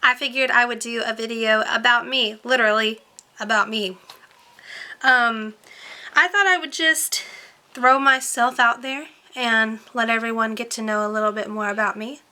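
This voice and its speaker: A woman's voice: a little high, steady tone, moderate pace, bright, forceful tone. A woman, chatting casually to camera as a beauty vlogger, rambling with lots of ums and likes. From born in Romania, raised in Tennessee. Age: 20s.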